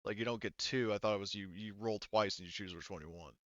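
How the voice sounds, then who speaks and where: Speaking fast in a lowish, fairly bright voice, a man referees a tabletop game as game master, thinking aloud in a casual, hesitant way. The sound is dry, dull and band-limited.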